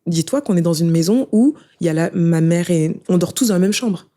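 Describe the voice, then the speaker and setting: A young woman with a rather low, dark-toned voice tells her own life story as an interview guest. She speaks quickly and emotionally in a casual, conversational way, often turning to the listener with "tu vois."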